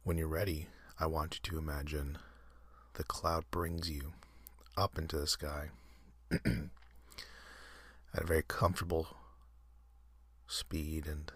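A man hosting an ASMR channel, leading a soft, halting whispered guided meditation with many pauses and fillers. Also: very deep voice, level tone, husky, no echo. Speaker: ASMR host.

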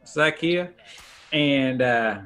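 A man's voice: medium pitch, slow, pushed and bright. A man voicing a goofy male Swedish magazine reporter with a mock Swedish accent, rambling playfully.

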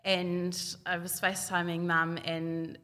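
A young New Zealand woman chats as a podcast guest. Her voice is low-pitched for a woman but bright and sharp. A long reverb trails every phrase. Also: flat delivery, a little slow. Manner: chatty, full of "like" and reported speech. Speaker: guest, hockey player. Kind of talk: casual storytelling.

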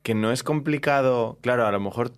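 A man hosting a casual podcast interview, asking relaxed, teasing questions. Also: medium pitch, a little fast, clear, resonant tone. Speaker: podcast host.

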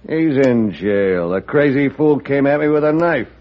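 An actor playing a scornful American railroad boss of the Old West, folksy and blunt, in a radio western. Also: male voice, mid-range voice, expressive, a little slow, natural voice. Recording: dull old radio recording.

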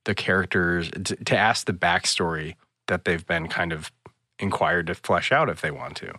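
Man, podcast co-host, excited storyteller, fairly low voice, dry close sound. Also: normal speed, no room sound. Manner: excited storytelling, acts out quotes loudly. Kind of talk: casual chat.

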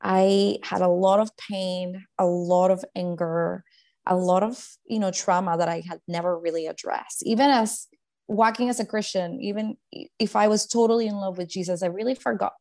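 An earnest, reflective woman in her thirties, from Guatemala, telling her story as a guest in a relaxed interview. Her voice has a gravelly, creaky edge, and she often restarts her sentences and fills pauses. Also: medium pitch. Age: 30s. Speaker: guest, life coach. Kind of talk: casual faith-based interview chat.

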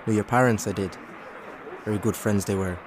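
Actor as a low-voiced gruff old seafarer. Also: male voice, fairly even intonation, a little fast, lightly acted. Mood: warm, reminiscing. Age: older. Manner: gruff, folksy, old-fashioned turns of phrase. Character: gruff, wary old retired field agent and sailor. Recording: clear outdoor dockside noise behind.

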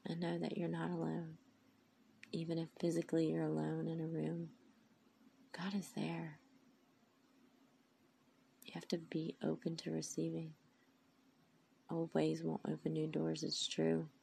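Tired, gravelly-voiced woman preaching encouragement. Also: low voice, monotone, moderate pace, warm tone, slight background noise. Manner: heartfelt, emphatic, rambling. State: tired, tearful. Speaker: faith vlogger. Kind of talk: inspirational monologue.

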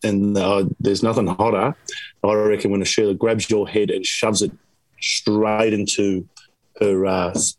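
A man's voice: lowish voice, level tone, unhurried, no room sound, poor audio. An Australian man chats casually as a guest on late-night radio. He sounds laid-back and hesitant and fills his speech with ums. His voice is recorded close and dry. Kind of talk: casual banter.

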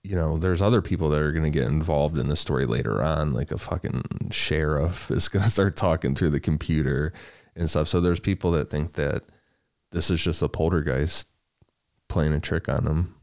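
A man's voice: very deep voice, normal speed, gravelly, darkish tone, dry recording, studio quality. A man co-hosting a podcast, retelling a story in a laid-back, crude, casual way. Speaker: podcast co-host telling the story.

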